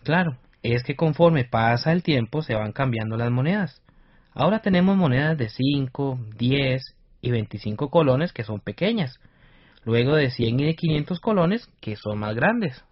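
A man's voice: mid-range voice, animated, moderate pace, lo-fi sound. A man with a Costa Rican accent presenting a scripted radio lesson as a teacher.

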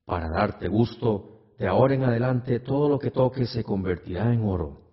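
A man voicing a mysterious, slow disembodied voice in a radio story, on a dull lo-fi recording. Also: medium pitch, lively intonation, breathy edge. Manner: slow, hushed, drawn-out.

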